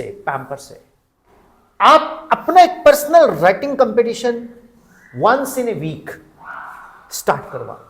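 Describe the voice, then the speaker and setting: A high-voiced man leads a teacher workshop in a school hall. He talks in an animated, expressive way and keeps acting out quick snippets of dialogue. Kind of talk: lively teacher-training talk.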